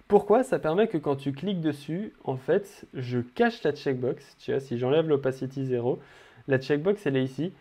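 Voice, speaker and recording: A man's voice: fairly high pitch, moderate pace, warm tone. A young man walking viewers through building an interface in a casual screen-recorded coding tutorial, talking straight to the viewer with frequent fillers.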